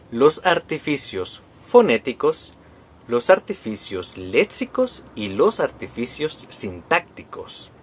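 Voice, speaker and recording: A man's voice: medium pitch, a little hiss or hum. A young man with a Guatemalan accent, a university student giving a class presentation and stressing key words as he explains. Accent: Guatemalan Spanish. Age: young adult.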